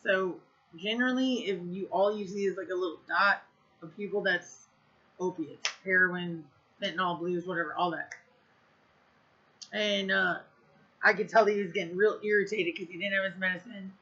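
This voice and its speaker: A woman's voice: lowish voice, moderate pace, sharp tone, lo-fi sound. A woman telling a story in a casual vlog, blunt and profane, rambling with lots of fillers. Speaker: vlogger.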